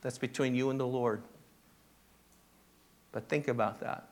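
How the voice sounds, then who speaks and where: Male pastor, sermon delivery, slow and conversational, livens up to act out scenes. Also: medium pitch. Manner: conversational, checks in with "right?" and "okay?"; animated when acting out the disciples' reactions.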